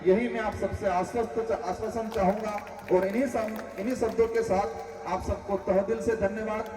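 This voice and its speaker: A man's voice: sits high, steady tone, normal speed, warm tone, slight background noise. A man from Rajasthan giving an impassioned rally speech, full of rhetorical questions and calls to the crowd. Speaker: political leader addressing a rally. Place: public gathering. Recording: echoey PA sound from far off.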